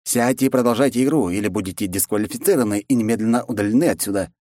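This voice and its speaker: A man's voice: lowish voice, rapid-fire, warm tone, no echo, studio quality, voice pushed up, lightly acted. A man voicing a formal, stern tournament manager who reads out rules and results in a storybook. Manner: formal, official, reprimanding.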